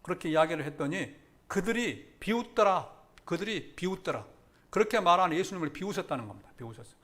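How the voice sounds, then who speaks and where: A man preaching a sermon as pastor, dramatically swinging between loud emphatic declarations and hushed near-whispers, repeating key phrases for emphasis. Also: sits high, expressive, quick pace.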